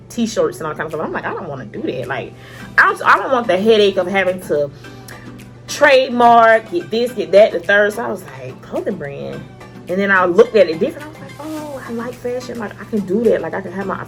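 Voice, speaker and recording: A woman vlogger telling a personal story in a chatty way, acting out her own past thoughts with lively asides. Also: medium pitch. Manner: chatty and conversational, many fillers like "like" and "you know". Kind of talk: casual storytelling vlog.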